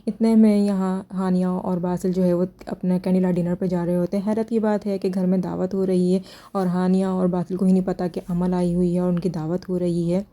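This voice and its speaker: A woman recaps a TV drama's episodes scene by scene and adds critical remarks along the way. Her voice is very dark and mellow and sits fairly low. She keeps her delivery flat and even throughout. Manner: steady retelling of scenes with critical asides. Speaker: drama reviewer.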